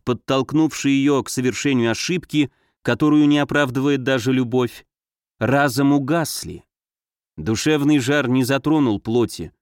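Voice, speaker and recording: A man narrating a novel in a measured, steady reading. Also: mid-range voice, no echo, clean studio sound. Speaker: audiobook narrator.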